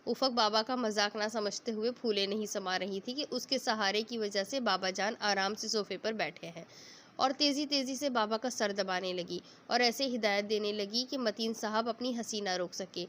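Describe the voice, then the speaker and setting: A woman storyteller reading a serialized novel aloud in steady, even narration. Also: mid-range voice, moderate pace, slight background noise.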